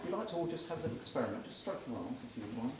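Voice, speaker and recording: Rapid-fire and energetic, a male speaker at a live talk event instructs his audience through exercises, now and then calling out loudly. He has a mid-range voice. The recording comes from far off in an echoey hall full of crowd noise.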